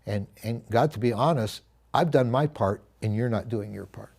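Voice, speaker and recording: Earnest man teaching scripture, mellow voice. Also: medium pitch, normal speed, vocal fry, husky. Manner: earnest, reflective, with self-corrections and asides. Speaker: pastor teaching a Bible study. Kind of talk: conversational Bible teaching.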